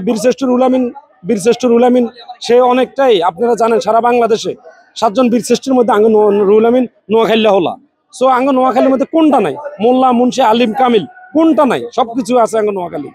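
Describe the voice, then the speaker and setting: A man's voice: very high voice, a little mellow, husky. A man from Noakhali speaking with a Noakhali Bengali accent in a street interview, proudly rambling through lists of names and places. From Noakhali, Bangladesh.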